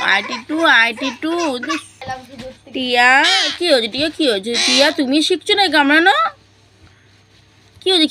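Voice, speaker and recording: A woman on a home vlog, coaxing, gently scolding and cooing at her pet parrots. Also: high voice. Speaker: vlogger talking to pet parrots. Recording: loud background noise.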